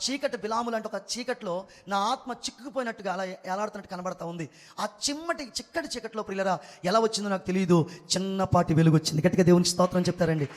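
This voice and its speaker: A man preaching with a high, quick voice, urging the congregation to praise and acting out the cries in his story. His voice rings out through a church hall with a long reverb. He speaks with a Telugu accent into a handheld microphone at the altar. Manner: fervent, calls for praise, acts out cries. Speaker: pastor. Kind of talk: sermon testimony.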